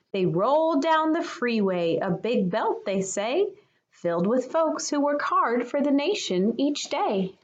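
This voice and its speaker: With a fairly high-pitched voice, a kindergarten teacher brings a picture book to life for young children through expressive reading.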